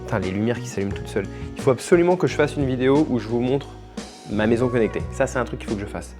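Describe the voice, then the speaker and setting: A man's voice: mid-range voice, expressive, very fast, music in the background. A young French man talking casually to his camera in a home vlog, chatty, with restarts and fillers. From France. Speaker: vlogger and language teacher.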